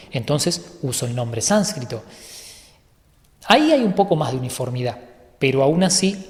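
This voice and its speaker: A male yoga teacher giving an online course lecture, explaining calmly and methodically and sometimes correcting himself mid-sentence. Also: a little high, in a large hall.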